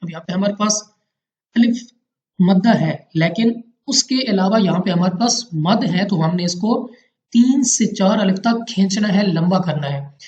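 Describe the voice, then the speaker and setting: In a dull, lo-fi home recording with a roomy sound, a Pakistani man teaches Quran recitation rules. His voice is high-pitched, expressive, and a little mellow, and he moves at a measured pace, patiently repeating each rule with care.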